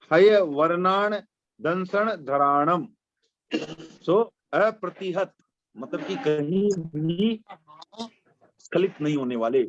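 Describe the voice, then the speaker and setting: Male religion teacher, unhurried and dry, answers his own questions, muffled online-class sound. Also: sits high, no echo. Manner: mixes English words into his explanation. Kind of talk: explaining a prayer text line by line.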